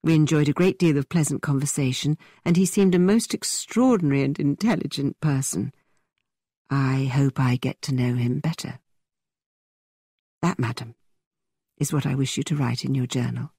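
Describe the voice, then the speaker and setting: A woman voicing a witty, playful young gentleman who teases in a mock-theatrical way. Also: extremely low pitch, moderate pace, slightly rough, no room sound, clean studio sound, heavily acted. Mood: teasing.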